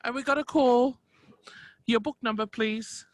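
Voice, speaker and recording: Female bingo host, fairly high voice, set game announcements, dry room-free sound. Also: fairly even intonation, unhurried, dry recording. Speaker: bingo game host who checks claims.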